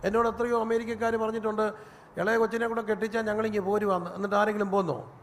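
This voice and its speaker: A man preaching a sermon as pastor, telling stories with animated delivery and rising to a shout. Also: sits high, fast. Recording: long reverb, faint room noise.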